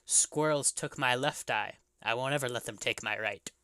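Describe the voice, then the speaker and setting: A man doing a gruff one-eyed old bartender. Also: medium pitch, moderate pace, sharp tone, no echo, voice pushed down.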